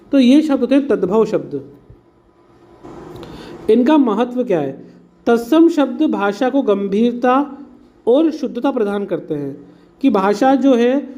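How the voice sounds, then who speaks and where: A man with a very high voice and dark tone teaches an exam-prep lesson with patient explanations. He mixes English words into his Hindi and calls his students "beta".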